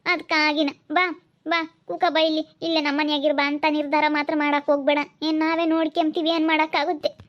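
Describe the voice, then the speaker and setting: A woman's voice: sits high, flat delivery, fairly quick, dull audio, lightly acted. A woman with a rural Chitradurga Kannada accent, acting a caring mother who comforts and lectures her crying daughter in a village family drama. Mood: soothing. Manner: soothing, lecturing. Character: caring mother, firm and soothing, scolds enemies.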